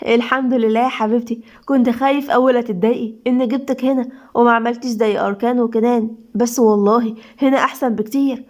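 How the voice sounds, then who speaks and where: A woman's voice: on the high side, steady tone, fast, natural voice. A devoted, God-fearing young Egyptian husband, fond and earnest, as a woman storyteller puts him on. Close to her own voice. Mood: loving. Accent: Egyptian Arabic. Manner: warmly affectionate.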